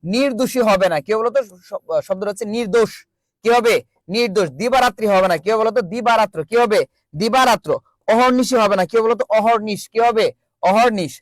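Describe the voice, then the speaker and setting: A man's voice: high-pitched, a little fast, dry recording. A man teaching an online grammar class, drilling students with call-and-response and repeating each question. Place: virtual classroom.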